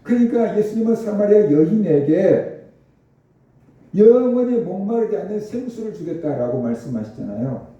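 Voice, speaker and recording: A man preaches in a very reverberant church sanctuary, his fairly high voice sounding dark and mellow. He explains Scripture and keeps asking his listeners rhetorical questions. The mic sits at a distance and the sound is somewhat dull. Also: sing-song, normal speed. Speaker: pastor. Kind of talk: sermon.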